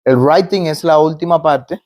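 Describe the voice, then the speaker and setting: A man's voice: on the high side, moderate pace, a little mellow. A man with a Cuban Spanish accent, a migrant doctor being interviewed, who explains step by step with examples and often restarts his phrases. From Cuba.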